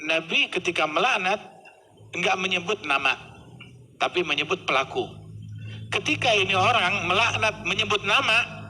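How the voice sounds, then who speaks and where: A man preaching a sermon, telling stories with acted dialogue in an animated way. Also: high voice, normal speed, pauses often, a little hiss or hum, low-quality recording.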